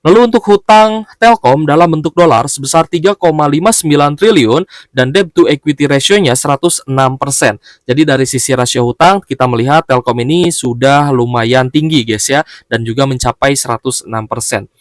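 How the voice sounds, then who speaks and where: Guy doing stock analysis, talks steady with lots of "guys, ya" fillers, mid pitch, dead dry room. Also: dry recording. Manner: steady explanatory delivery with frequent "ya, guys, ya" fillers and "eh" pauses. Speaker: stock market commentator.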